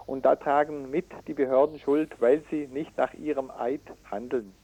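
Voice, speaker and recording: Interviewed on radio in a low-quality recording, this activist from a citizens' environmental initiative has a mellow, steady, medium-pitched voice. Reading figures and arguing, he's halting and indignant, full of hesitations and self-corrections.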